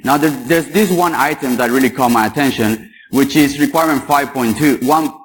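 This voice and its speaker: A man's voice: mid-range voice, normal speed, low-quality recording. A young man from Paraguay giving a chatty, joking talk at a security conference and quizzing the audience. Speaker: conference speaker. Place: conference hall.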